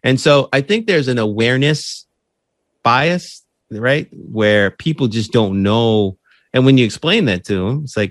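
A podcast host, interviewed as a guest, talks about running his show in an earnest, conversational way with a lowish voice and no room sound. He often checks in with "right?", restarting phrases and repeating words.

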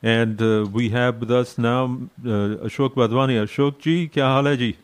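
Male radio host, casual and conversational with a halting, repetitive delivery, chatting with callers. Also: medium pitch, fairly even intonation, clear, resonant tone. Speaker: radio talk show host. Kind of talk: casual live radio call-in chat.

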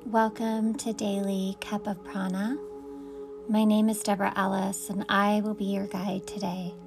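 Casting note: woman meditation guide, very unhurried delivery, soft music underneath. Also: mid-range voice, flat delivery. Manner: soft, slow, soothing invitations.

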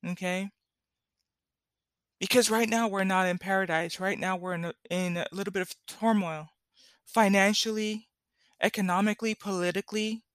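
A woman's voice: medium pitch, steady tone, brisk, dry recording, studio quality. Woman creator giving emphatic commentary. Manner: emphatic, repeats key phrases, checks in with "right?". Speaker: content creator, host of a solo show. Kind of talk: impassioned commentary to followers.

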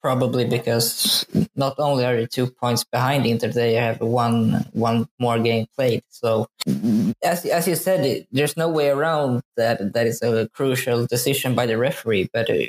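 A man's voice: mid-range voice, steady tone, moderate pace, low-quality recording. A man from Sweden, a journalist guest on a football podcast, speaking hesitantly with many fillers. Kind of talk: casual football podcast talk.

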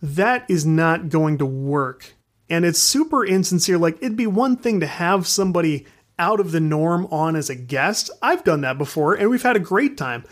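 A man's voice: high-pitched, normal speed. Ranting, frank podcast host man. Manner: ranting, frank, swears freely; animated, laughs while talking. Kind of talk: casual podcast monologue.

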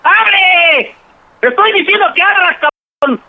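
A man playing a furious jealous husband who shouts threats in a radio prank. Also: very high-pitched, expressive, slow, dull audio, full character voice.

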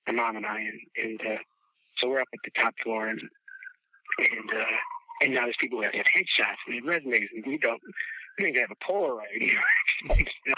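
A man in his thirties from the Chicago area, a podcast guest telling rambling, animated stories with casual swearing and laughter. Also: medium pitch, normal speed, no room sound. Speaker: podcast guest, former child actor. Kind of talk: casual storytelling chat. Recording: dull, dry lo-fi sound.

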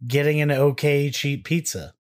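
Wry bantering man with a Texan accent. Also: on the high side. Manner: wry, bantering, with quick sarcastic comebacks. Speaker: podcast co-host. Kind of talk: casual chat.

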